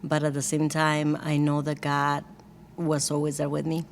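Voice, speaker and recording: As an interview guest, a Costa Rican woman who leads a church worship team tells her personal story candidly and chattily, with light humor, in a Costa Rican Spanish accent. Her deep voice is completely flat in delivery at a normal speed, with slight background noise.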